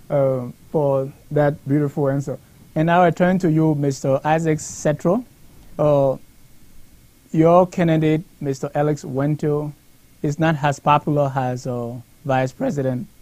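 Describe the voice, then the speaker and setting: A man hosting a political panel discussion, asking questions in a measured, formal way. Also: on the high side, fairly even intonation, warm tone, poor audio. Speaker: talk show host.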